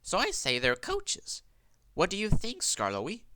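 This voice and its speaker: A man's voice: high-pitched, wildly swooping pitch, measured pace, pushed and bright, no room sound, pitched above the performer's own voice, exaggerated voice. Peter Sam, a man voicing an eager young engine. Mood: chatty. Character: cheerful young male engine, eager and polite.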